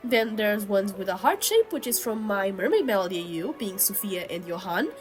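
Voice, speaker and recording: A woman who is a digital artist co-hosts with casual commentary on drawings, her voice slightly sick since she's still under the weather. Her mid-range voice swings widely in pitch at a moderate pace, full of chatty "like" asides, with background music playing.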